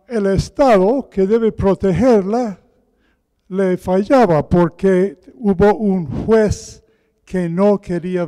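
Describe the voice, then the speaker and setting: Man preaching slowly in cathedral-like echo. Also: high voice, dark tone. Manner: deliberate, repeats key phrases for emphasis. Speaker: guest preacher. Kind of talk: sermon with Bible reading. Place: large echoing hall with pews. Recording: cathedral-like echo, long hall reverb.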